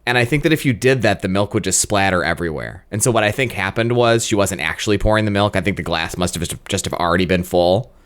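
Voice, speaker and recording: A man with a low, smooth and resonant voice co-hosts a casual film podcast. He recaps scenes conversationally. His exasperation at the humor stays dry and matter-of-fact. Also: animated, fast talker, hardly any pauses, fairly bright tone. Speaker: podcast co-host.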